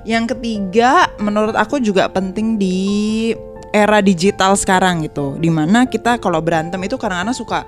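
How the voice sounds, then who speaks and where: A woman's voice: medium pitch, moderate pace, soft background music. A woman co-hosting a casual podcast about relationships, conversational and full of fillers. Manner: conversational, lots of fillers and agreement. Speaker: podcast co-host.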